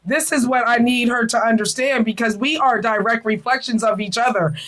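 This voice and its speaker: A woman's voice: a little high, fairly even intonation, brisk, a bit bright, poor audio. A middle-aged woman hosting a casual spiritual chat, talking earnestly and emotionally, often repeating her phrases. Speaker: podcast host.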